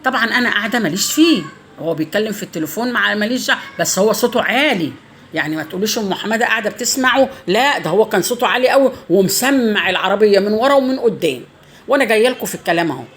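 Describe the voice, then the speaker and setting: Fast-talking Egyptian woman telling a story. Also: medium pitch. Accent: Egyptian Arabic. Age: middle-aged. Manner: fast, lively, swears often by God. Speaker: home cooking vlogger. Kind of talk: casual storytelling while cooking.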